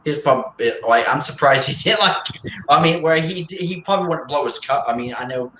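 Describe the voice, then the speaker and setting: A man hosting a livestream and chatting casually in a rambling, halting way, often restarting and repeating his words. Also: on the high side, fairly bright tone, slight background noise. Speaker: livestream host. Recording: roomy echo.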